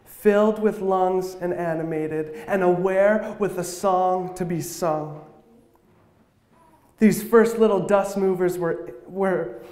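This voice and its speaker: High-voiced man performing slam poetry, echoey hall. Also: a little mellow. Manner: rhythmic rhyming slam delivery. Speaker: church speaker. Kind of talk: spoken word poetry sermon. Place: church hall.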